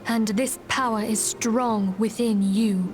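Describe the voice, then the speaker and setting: A solemn leader of an order. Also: female voice, a little high, fairly even intonation, a little mellow, soft background music. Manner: formal, measured, archaic phrasing. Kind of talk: game voice acting.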